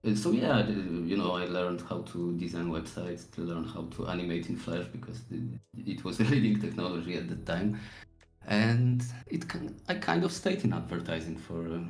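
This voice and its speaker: A Polish-accented man in his forties talks in a relaxed, easygoing way, often pausing to search for words. His voice sits very low. The sound is roomy, with a noticeable echo. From Poland. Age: 40s. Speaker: guest artist. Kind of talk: casual podcast interview.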